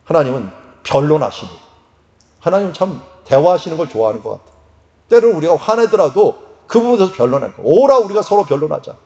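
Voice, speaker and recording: Pastor guy preaching casually, warm mellow tone, kinda muffled sound. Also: fairly high pitch, fast talker. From Korea. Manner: lively, conversational preaching with acted quotes. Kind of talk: sermon.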